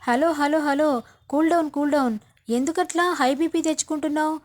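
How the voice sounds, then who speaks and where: Woman reading as a cocky young man, taunting, threatening, high voice. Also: fairly even intonation, brisk, darkish tone, lightly acted.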